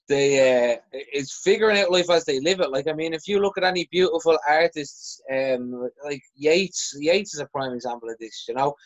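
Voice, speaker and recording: A man's voice: fairly high pitch, dry recording. An Irish man, a poet, speaking frankly and reflectively in a podcast chat, often restarting his sentences. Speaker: poet guest. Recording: dry, dull sound.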